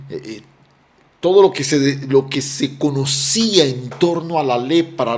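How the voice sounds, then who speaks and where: A man preaching a sermon as pastor, emphatic, often dropping soft on key words and repeating phrases. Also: on the high side.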